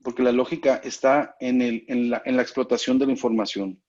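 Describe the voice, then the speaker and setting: A male instructor teaches an online class step by step, often making sure his students are following. His medium-pitched voice is brisk and darkish with a flat delivery, heard through muffled lo-fi call audio.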